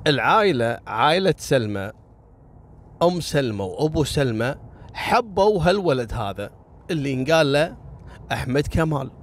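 A man's voice: mid-range voice, sing-song, moderate pace, long pauses. A man narrating a story casually, speaking straight to his listeners with moral asides. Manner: chatty, addresses listeners directly with moral asides.

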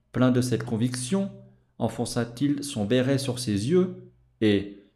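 A man with a warm, mellow voice at a mid pitch reads a classic novel aloud for his podcast. His delivery is measured and expressive, like a careful storyteller. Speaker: podcast host and audiobook reader. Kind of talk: audiobook reading.

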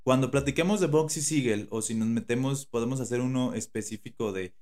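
A man's voice: medium pitch, a little fast, a little mellow. A man with a Mexican Spanish accent co-hosting a podcast in casual chat, slangy and rambling, with many fillers and restarts. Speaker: podcast co-host.

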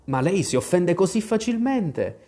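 A man's voice: sits high, sing-song, unhurried, warm tone, pitched above the performer's own voice. A man doing an eager young girl. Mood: earnest. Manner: eager, pleading. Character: earnest, apologetic young girl.

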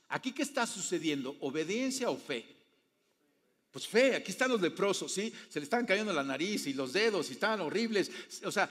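Man, pastor preaching, high voice, long reverb, hushed then emphatic, keeps quizzing listeners. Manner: asks the audience frequent rhetorical questions; dynamic, swinging between soft low phrases and loud emphatic ones. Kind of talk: sermon.

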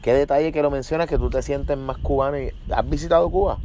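A man's voice: a little high, fast talker, mellow. A man hosting a podcast, asking questions in a chatty, playful, slangy way. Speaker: podcast host. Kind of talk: casual interview chat. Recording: noisy outdoor street recording.

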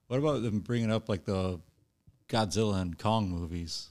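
Low-voiced man in a movie chat. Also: a little mellow. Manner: chimes in with quick agreement and chuckles. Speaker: podcast co-host.

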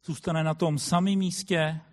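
A man preaching a sermon in a thoughtful way, often pausing with hesitant fillers as he explains. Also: on the high side, fairly even intonation. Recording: long hall reverb.

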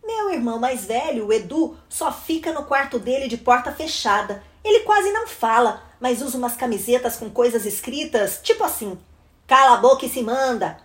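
High-voiced woman reading a storybook. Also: moderate pace, few pauses. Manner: lively, animated reading. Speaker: storybook reader. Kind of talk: reading a children's book aloud.

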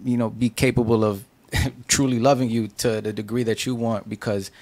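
A man's voice: mid-range voice, flat delivery, moderate pace, a little mellow, no echo. A man co-hosting a casual podcast, lecturing a guest with dating advice. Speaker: podcast co-host.

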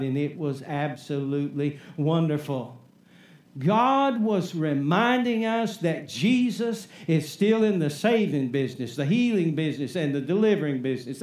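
Man, pastor preaching, high voice, emphatic call-and-response, echoey church. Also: darkish tone. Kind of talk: sermon.

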